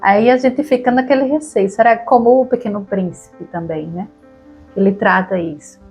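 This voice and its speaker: A woman with a Brazilian Portuguese accent co-hosting a relaxed conversation about reading aloud to children, often tagging her sentences with questions. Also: mid-range voice, moderate pace, husky, lo-fi sound, soft background music. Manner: relaxed, chatty, frequent tag questions. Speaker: podcast co-host.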